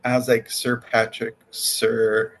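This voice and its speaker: A man hosting a podcast in casual chat, excitable and halting, with lots of fillers and restarts. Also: mid-range voice, a little hiss or hum, low-quality recording. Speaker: podcast host.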